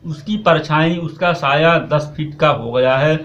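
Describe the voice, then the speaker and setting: A man's voice: a little high, measured pace, fairly bright tone. Man teaching prayer rules, dull lo-fi. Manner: explains step by step, repeating himself with fillers. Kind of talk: religious instruction lesson. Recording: dull lo-fi sound.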